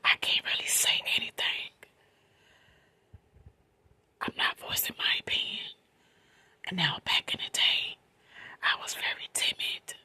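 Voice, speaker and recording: An American woman tells a personal story in a soft, breathy, quiet late-night whisper, speaking informally with slang and repeated phrases. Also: normal speed, no room sound.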